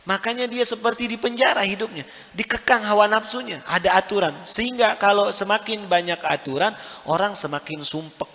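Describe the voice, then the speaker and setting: A man preaching a mosque sermon, emphatic, with sudden high rises and rhetorical questions to the crowd. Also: brisk, bright, forceful tone, long reverb tail. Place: mosque hall.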